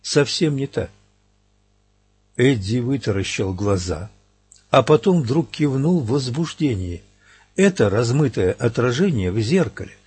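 A man narrating an audiobook in an even, steady storytelling manner. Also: mid-range voice, breathy edge, dry recording. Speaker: audiobook reader. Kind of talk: scripted narration.

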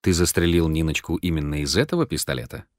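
A man reading an audiobook, voicing a calm, sardonic man who questions others dryly. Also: extremely low pitch, fast talker, dry recording, voice pushed down. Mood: cool. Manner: dry, calm, mocking. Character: cool, sardonic man, interrogating calmly.

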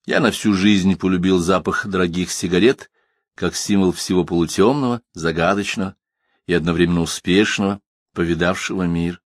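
Deep-voiced man reading a novel aloud. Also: steady tone, normal speed, dry recording, studio quality. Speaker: audiobook narrator. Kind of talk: literary audiobook narration.

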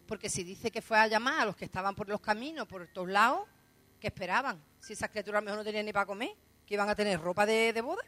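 A woman's voice: mid-range voice, quick pace, sharp tone. A woman with a Spanish accent preaching a sermon, telling stories with frequent laughs and acting out quoted lines. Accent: Spain. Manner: storytelling, laughs often and acts out quoted lines.

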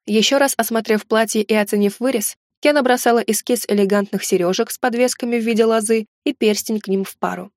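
A woman's voice: fairly high pitch, no echo. Woman reading a fantasy audiobook, dry. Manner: steady, measured reading. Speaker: audiobook narrator. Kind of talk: first-person fantasy audiobook narration.

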